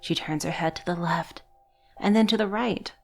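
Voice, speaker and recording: A woman narrating a horror story in a measured, scripted storytelling manner. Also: lowish voice, vocal fry, faint music behind.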